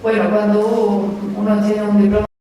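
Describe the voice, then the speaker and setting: A woman's voice: medium pitch, flat delivery, moderate pace, warm tone. A woman whose first language is Romanian, a conference interpreter speaking as guest at a university talk, explaining at length with restarts and tag questions. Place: university lecture hall. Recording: very echoey hall, distant, faint noise.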